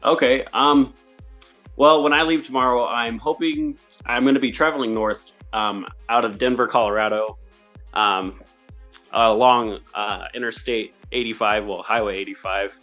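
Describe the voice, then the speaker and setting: A man's voice: medium pitch, moderate pace, pushed and bright, soft background music. A man from the United States speaking as an interview guest, giving a casual personal account in a hesitant, polite way.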